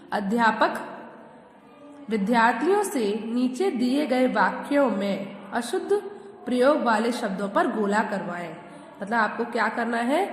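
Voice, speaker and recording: Echoey woman teacher with a higher voice. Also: slight background noise. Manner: patient, asks questions and answers them herself. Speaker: school teacher. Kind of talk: grammar lesson for children. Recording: echoey room with long reverb.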